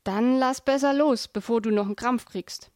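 A woman voicing a calm, deadpan male owl who teases his friend in a dry way. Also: fairly high pitch, normal speed, no echo, lightly acted.

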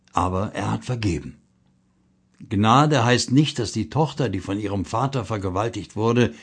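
A man's voice: medium pitch, creaky, breathy edge. Earnest man reading a devotional text. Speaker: reader of a blog article.

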